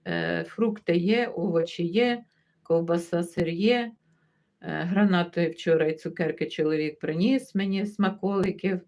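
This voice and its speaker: This livestream host talks a little slowly in a lowish voice. She is chatty and laid-back, laughing while she reads viewer comments and warmly welcomes each viewer by name in turn.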